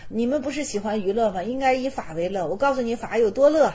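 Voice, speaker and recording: A woman voicing a calm, kindly male sage who explains patiently and repeats himself. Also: a little high, fast talker, breathy edge. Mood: gentle, instructive.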